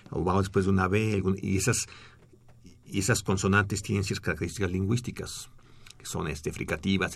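A man's voice: sits low, gravelly, breathy edge. A middle-aged man, a researcher explaining speech technology in a radio studio at length, with fillers and restarts.

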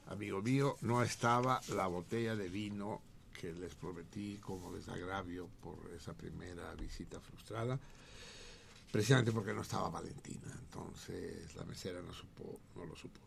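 A man hosting a radio show, joking and swearing in casual, animated talk. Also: low-pitched, normal speed, creaky, a little hiss or hum. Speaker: radio host. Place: radio studio.

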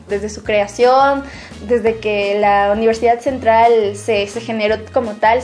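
High-voiced young Ecuadorian woman. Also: darkish tone. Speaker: economics student. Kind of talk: interview answer.

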